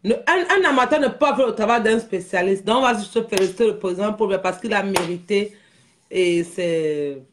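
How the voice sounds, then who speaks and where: A woman's voice: mid-range voice, normal speed, background noise. A woman, hosting an unscripted live stream and ranting animatedly, repeating herself and often laughing through her words. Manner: animated, repetitive, often laughing while talking.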